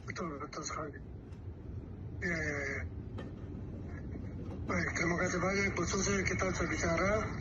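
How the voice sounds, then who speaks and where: A man's voice: on the high side, normal speed, pauses often. A man, a pastor, heard over a landline phone call, talking in a soothing way and often agreeing. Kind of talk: phone conversation. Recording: muffled phone line with loud hiss.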